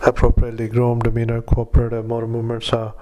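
A man working as a clinician dictates a medical note in halting fragments, speaking punctuation aloud. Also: mid-range voice. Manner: halting, flat, monotone delivery in short fragments. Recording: clearly noisy recording with background ambience.

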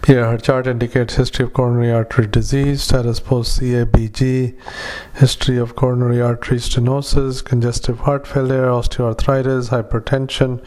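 A man dictating a patient note into a dictaphone, halting with many fillers and reading out punctuation and paragraph breaks. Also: medium pitch, level tone, darkish tone. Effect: dictaphone recording. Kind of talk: medical dictation into a recorder.

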